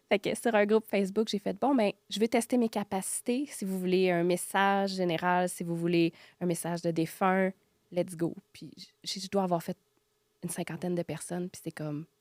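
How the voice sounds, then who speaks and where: A woman with a Quebec French accent, a guest on a podcast, telling her own experiences in animated casual talk and acting out what she thought and said. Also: fairly low pitch, moderate pace, no room sound. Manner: animated, acts out her own quoted thoughts, drops to near-whispers. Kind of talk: casual storytelling interview.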